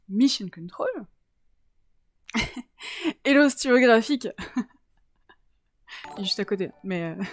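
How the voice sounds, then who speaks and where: A woman's voice: high-pitched, darkish tone, dry recording, studio quality. A woman from around Toulouse hosting a casual science live-stream, chatty and giggly, greeting viewers in the chat.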